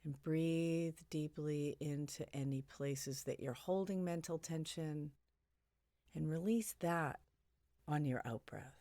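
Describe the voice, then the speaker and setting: In a close, dry recording, a woman with a low voice guides a meditation. Her suggestions are soothing and gentle, delivered very slowly with long pauses between phrases.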